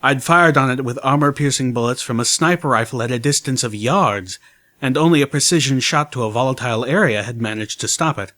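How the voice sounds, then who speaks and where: A man reads a fan fiction story aloud in the first person. His voice sits in a medium male range, delivered as steady storytelling. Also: mid-range voice, a little fast. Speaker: audiobook narrator.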